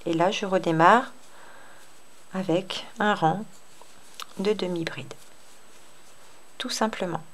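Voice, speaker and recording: A woman hosting a crochet tutorial, explaining step by step in an unhurried, hesitant way with many fillers. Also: on the low side. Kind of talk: casual spoken tutorial.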